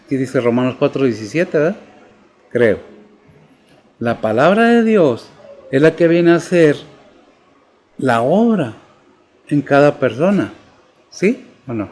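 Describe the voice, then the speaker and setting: A man's voice: fairly high pitch, very animated, unhurried, long pauses, a little mellow. A male pastor, preaching and posing questions to the congregation. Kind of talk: sermon.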